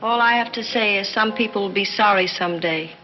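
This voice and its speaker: An actress playing a sulky, theatrically doleful young heiress in 1930s screwball comedy banter. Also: female voice, mid-range voice, brisk, dull audio, lightly acted. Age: young adult. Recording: band-limited 1930s film soundtrack with music.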